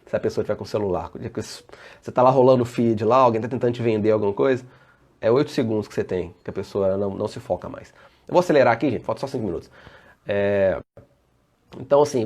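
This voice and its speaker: A man's voice: mid-range voice, a little mellow. A Brazilian man, a safety engineer and trainer, giving a casual live online presentation and answering viewer comments as he goes. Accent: Brazilian Portuguese.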